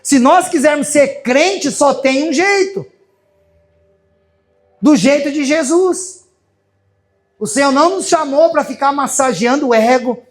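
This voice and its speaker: Brazilian male pastor, impassioned sermon delivery, high-pitched voice. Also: unhurried, pauses often. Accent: Brazilian Portuguese. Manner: impassioned, preaching to a congregation.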